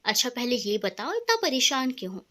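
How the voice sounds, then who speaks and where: A woman's voice: fairly high pitch, sing-song, a little fast, bright, forceful tone. Woman reading as a teasing young husband. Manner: teasing, affectionate. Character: playful young man, teasing loving husband.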